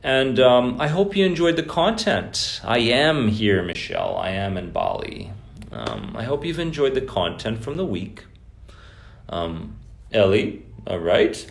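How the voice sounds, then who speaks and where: A man's voice: medium pitch, very animated, a little slow, creaky. A man hosting a live stream about anxiety recovery, talking loosely to viewers and greeting them by name. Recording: echoey room.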